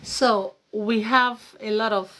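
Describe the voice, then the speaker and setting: A woman's voice: medium pitch, steady tone, takes it slowly, fairly bright tone. A woman, likely in her thirties, hosting a casual livestream chat from home at night, switching between English and French, repeating words and laughing often. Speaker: livestream host.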